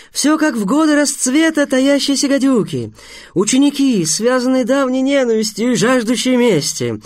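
A man voicing a gleeful, eccentric male teacher at a school for assassins, speaking in exalted, theatrical bursts that climb high. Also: no echo, studio quality, lightly acted. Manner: exalted, theatrical, rising to high excited peaks.

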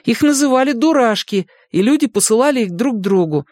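Boy, eager explainer, put on by a male narrator, raised pitch, dry close sound. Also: lively intonation, brisk, darkish tone, no echo. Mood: explaining. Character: boy Mike, earnest, explaining old pictures.

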